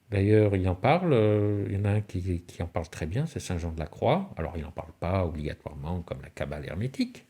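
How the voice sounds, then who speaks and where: With a low, somewhat mellow and slightly rough voice, a man lectures spiritually on alchemy and symbolism. Storytelling and rhetorical questions carry the talk, and his voice swings up and down without warning.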